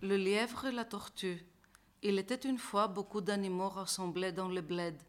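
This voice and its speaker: A woman's voice: medium pitch, fairly even intonation, measured pace, soft background music. A woman, a student reader, reading a fable aloud in street slang. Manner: plain reading, slang-filled.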